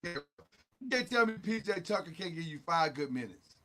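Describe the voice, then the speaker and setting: A man's voice: a little high, animated, normal speed, bright, forceful tone. A man hosting a sports talk show, pressing emphatic, opinionated takes over a remote call whose audio keeps breaking up and dropping out. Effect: online call audio breaking up and dropping out. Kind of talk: casual sports debate. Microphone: remote video call.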